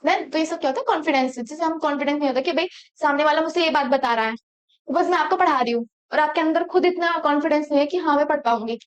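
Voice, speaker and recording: A woman's voice: sits high, fast. A young woman teaching a lecture, mixing in English terms and asking the class rhetorical questions. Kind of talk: exam-prep lecture.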